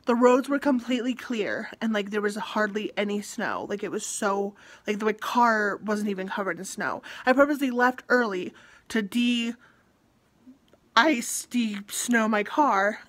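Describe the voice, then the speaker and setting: Rambling young woman vlogging casually. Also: medium pitch. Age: young adult. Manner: rambling, self-correcting, lots of fillers. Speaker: college theatre student vlogger. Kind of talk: casual vlog chat.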